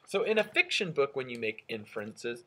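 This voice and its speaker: A male elementary school teacher reading aloud and explaining a lesson to children, expressive and thinking out loud, with a husky voice. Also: medium pitch, normal speed. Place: indoors at a school, at a wooden desk.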